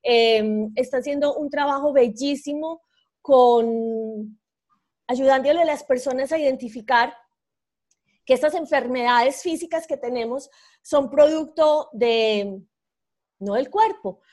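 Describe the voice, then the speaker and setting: A woman's voice: high voice, unhurried. A woman hosting a live online interview over a video call, speaking effusively with many fillers and restarts. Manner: warm, effusive, hesitant with fillers. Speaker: host.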